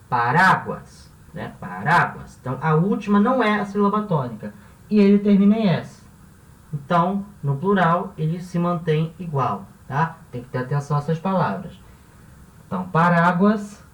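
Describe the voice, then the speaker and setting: A woman who teaches a language lesson. She explains each step patiently and often checks in with the class. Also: lowish voice. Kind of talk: classroom-style video lesson. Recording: roomy echo, voice from a distance off the mic.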